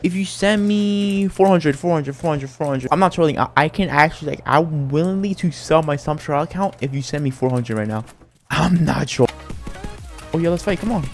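A male gaming YouTuber giving excitable, slang-heavy live commentary while he plays. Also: on the high side, a little fast, faint music behind. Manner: excitable, slangy, says "bro" constantly.

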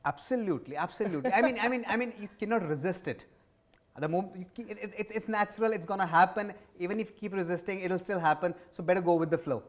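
A high-pitched, fast-talking man in his forties with an Indian accent answers interview questions as a business executive. His manner is conversational, marked by emphatic repetition. He is recorded on a lapel mic in an indoor office lounge set.

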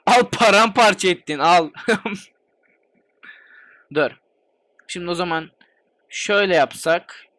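A man with a high, lively voice commentates a game he's playing. He is excitable and chatty, swears constantly and swings his voice up and down as he reacts. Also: no room sound. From Turkey. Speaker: gaming channel host. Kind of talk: let's play commentary.

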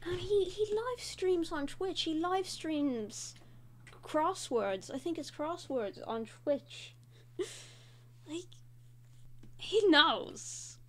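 A woman's voice: very high-pitched, animated, drawn-out words, long pauses, fairly bright tone. A young woman hosting a casual draw-and-talk video, chatting in a rambling way with frequent fillers. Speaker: host.

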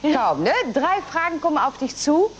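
A middle-aged woman hosting a TV quiz show in a studio. She reads questions, announces scores and chats with contestants in a brisk way. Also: high voice, big pitch swings, highs cut off, slight background noise. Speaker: game show host. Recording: music and audience in the studio. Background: studio music and audience.

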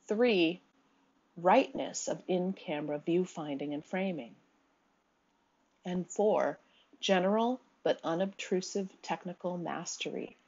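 On a dull, lo-fi recording, a woman presents slides in a calm, measured lecture. Her voice sits low with some huskiness, and she reads quotes out loud, now and then saying um.

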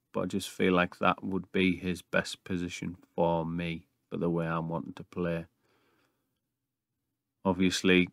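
A YouTube gaming host in his thirties offers casual video game commentary from a small attic room with brick walls. His voice is deep and a bit bright, captured in studio quality with no echo.

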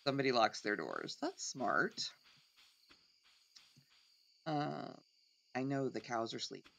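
A woman's voice: a bass voice, lively intonation, slow, vocal fry, fairly bright tone. A middle-aged woman giving casual let's play commentary, thinking aloud as she plays.

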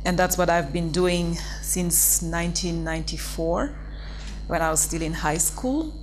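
Deep-voiced woman from Senegal on a panel. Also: a little hiss or hum, low-quality recording. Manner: gracious, measured. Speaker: panelist, UN representative. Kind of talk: panel discussion. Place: indoor conference stage.

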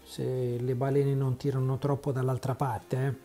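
A man's voice: mid-range voice, flat delivery, normal speed, dark tone, soft background music, lightly acted. A man voicing a friendly, joking man handing over gifts in a storybook reading. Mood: playful.

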